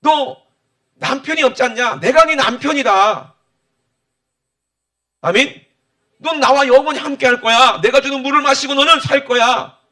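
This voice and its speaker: A man voicing Jesus as a gentle, assuring adult man, in a warm, declarative way. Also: very high voice, moderate pace, pauses often, voice pushed up. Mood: tender assurance. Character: gentle, tender adult male Jesus speaking.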